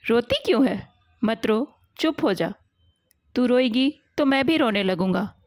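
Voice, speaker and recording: A woman voicing an elderly grandfather who gently soothes his granddaughter on the phone in a storybook tale. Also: on the high side, animated, a little slow, dry recording, clean studio sound. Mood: gentle. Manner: gentle, coaxing.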